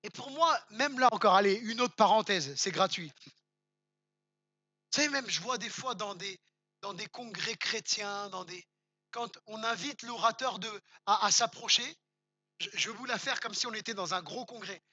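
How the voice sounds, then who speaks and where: French male pastor, bright tense voice, emphatic sermon with casual asides. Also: sits high, normal speed, no echo. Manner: emphatic, repeats words for stress, rises to near-shouts; conversational asides, addresses the congregation directly.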